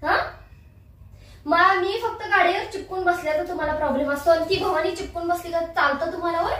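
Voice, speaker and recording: High, bright-voiced scolding woman. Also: fairly quick. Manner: accusing, scolding. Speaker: wife in a prank video. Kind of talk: heated domestic argument. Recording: echoey room, from a distance.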